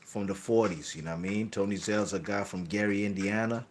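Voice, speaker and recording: A man with a fairly low voice talks boxing history off the cuff. He rambles, corrects himself mid-sentence and keeps tagging his lines with "you know what I'm saying". A faint hiss of noise sits under the recording. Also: fairly quick. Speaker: boxing channel host. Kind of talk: casual boxing history talk.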